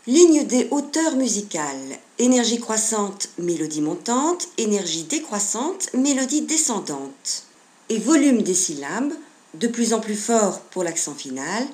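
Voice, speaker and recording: Woman, phonetics lesson narration, slow deliberate delivery, lively rising and falling pitch, echoey room. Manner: slow, deliberate, demonstrating intonations with varied emphasis. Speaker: phonetics teacher. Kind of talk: scripted educational narration. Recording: roomy echo.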